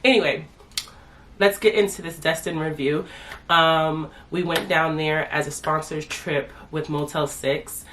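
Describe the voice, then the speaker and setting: Talking casually to camera, this family vlogger in her thirties has a low, slightly bright voice, a little slow and fairly even in intonation. She's congested from a sinus infection and refers to herself as "your girl," with slight background noise present.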